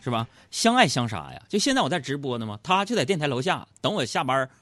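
Northeastern radio host, mid pitch, very animated delivery, dry close mic. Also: male voice, fast, dry recording. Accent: Northeastern Mandarin. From Northeast China. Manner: animated, storytelling, acts out loud quoted exchanges. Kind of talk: comic monologue. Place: radio studio.

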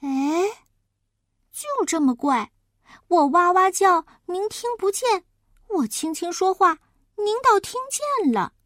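A woman voicing a noisy, cheeky little boy who talks high, loud and insistent. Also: very animated, slow, dry recording, studio quality, heavily acted.

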